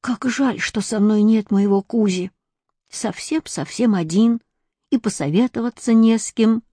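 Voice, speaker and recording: A woman calmly reading a first-person children's story aloud. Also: mid-range voice, slightly rough, dry recording, studio quality. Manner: calm, unhurried first-person telling. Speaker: audiobook reader. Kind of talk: storybook narration.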